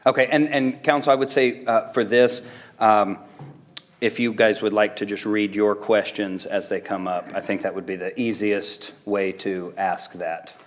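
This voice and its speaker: A man's voice: lowish voice, fairly even intonation, measured pace. A man informally chairing a public meeting in a conversational, accommodating way. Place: indoor council chamber, dais microphone.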